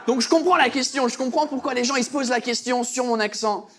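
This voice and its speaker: A man's voice: very high-pitched, quick pace, a bit bright, a little hiss or hum. British man doing stand-up in French. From Britain. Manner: joking, self-mocking, bursts into laughter. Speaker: stand-up comedian. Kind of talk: stand-up comedy.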